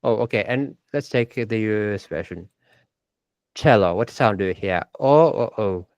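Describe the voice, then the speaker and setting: Low-voiced man teaching pronunciation. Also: normal speed, no echo. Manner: hesitant, repeats words to model pronunciation. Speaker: English teacher. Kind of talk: online language lesson.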